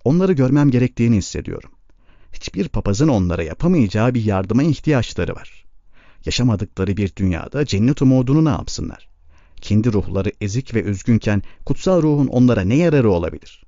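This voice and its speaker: A man reading a former preacher who speaks low, earnest and reflective. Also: sing-song, a little fast, mellow, dry recording, lo-fi sound.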